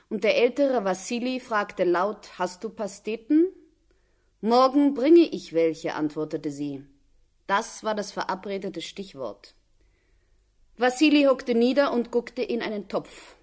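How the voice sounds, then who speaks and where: A woman narrates a classic radio play. Her telling is calm and even, with a middle voice that stays steady from line to line. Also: medium pitch.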